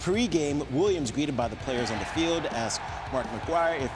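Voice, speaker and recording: Higher-voiced man calling a top ten sports countdown. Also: lively intonation, a little slow, background noise. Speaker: sports show co-host. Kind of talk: top ten countdown commentary over highlights. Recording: music bed behind voice. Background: music.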